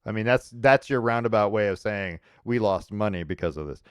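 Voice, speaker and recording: A man's voice: lowish voice, brisk, smooth, no room sound, clean studio sound. A man co-hosting a casual sports talk show, blunt and opinionated. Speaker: co-host.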